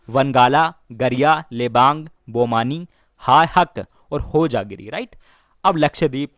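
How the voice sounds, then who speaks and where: Brief: male exam-prep teacher, slightly raised pitch, dry close mic, repeats mnemonic stories. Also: no room sound. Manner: explains slowly with stories and repeats key lines. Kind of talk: mnemonic lesson for exam students.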